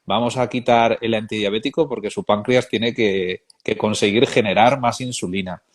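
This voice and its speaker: Man, lowish voice, thoughtful, unhurried interview host. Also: fairly even intonation. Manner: measured, reflective, hesitant fillers. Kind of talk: conversational interview.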